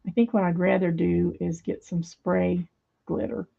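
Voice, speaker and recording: A middle-aged woman with a low, gravelly voice talks casually in her home craft studio. She rambles and hesitates with plenty of fillers. The recording sounds a little dull and muffled. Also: little pitch movement, unhurried, mellow. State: hands a little weak, fumbling. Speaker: craft video host.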